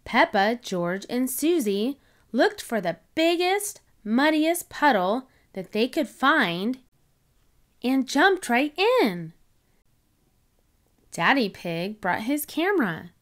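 Expressive woman reading a kids' book aloud, high, slow, sing-song. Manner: animated, expressive. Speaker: children's book reader. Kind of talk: storybook read-aloud.

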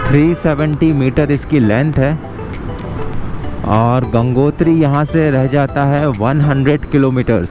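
Chatty man vlogging from a motorbike. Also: mid-range voice. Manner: chatty, addresses viewers directly as friends. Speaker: travel vlogger. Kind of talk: casual travel vlog narration. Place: outdoors on a mountain road, riding a motorbike. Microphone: action camera on the bike and held at arm's length.

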